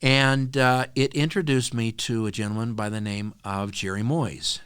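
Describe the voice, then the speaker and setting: A man guest on a podcast, telling stories in an earnest, animated conversational way. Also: mid-range voice, normal speed, clean tone, no room sound, studio quality. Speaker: podcast guest, nonprofit co-founder. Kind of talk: conversational interview storytelling.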